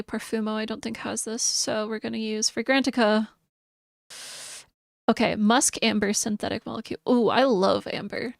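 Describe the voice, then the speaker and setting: A woman's voice: mid-range voice, vocal fry, no echo, studio quality. A woman live streamer chatting casually and thinking aloud as she reads through notes, sometimes mumbling. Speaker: VTuber streamer.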